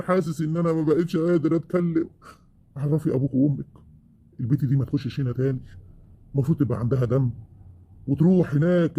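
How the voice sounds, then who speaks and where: A man's voice: on the high side, close to an everyday voice. A man with an Egyptian accent playing a bitter, worn-out older husband in a family web drama. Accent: Egyptian Arabic. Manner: reproachful, rising to shouting.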